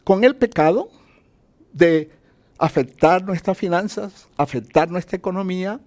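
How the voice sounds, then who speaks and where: A Colombian man speaks as an economist in an interview, explaining things point by point, listing them out and posing questions he then answers himself. His voice is high-pitched and darkish in tone, and he takes his time.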